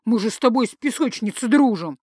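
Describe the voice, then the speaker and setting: A woman's voice: on the high side, animated, fairly quick, darkish tone, no room sound, clean studio sound. A woman voicing a cheeky, pushy young male student who wheedles and persuades.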